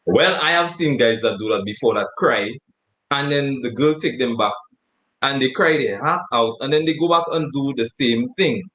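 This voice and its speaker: A man's voice: mid-range voice, normal speed, fairly bright tone, low-quality recording. A man co-hosting a casual chat show, rambling and laughing often as he talks. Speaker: co-host.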